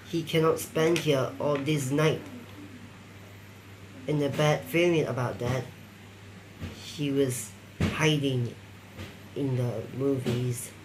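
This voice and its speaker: Male narrator, mock documentary, slow and hesitant, faint noise behind. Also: on the high side. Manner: halting, rambling, non-native phrasing. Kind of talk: improvised storytelling narration.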